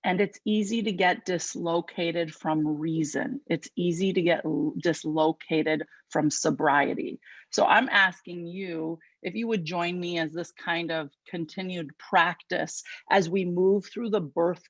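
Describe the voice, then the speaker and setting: A woman with a Chicago accent giving an inspirational talk as guest speaker at an online spiritual service, lively and conversational with quick asides. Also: on the low side, no room sound, highs cut off. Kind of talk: inspirational sermon.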